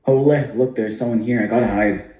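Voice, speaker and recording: A man's voice: mid-range voice, steady tone, fairly quick. A man narrating a comic story for an amateur puppet show. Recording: muffled, echoey room.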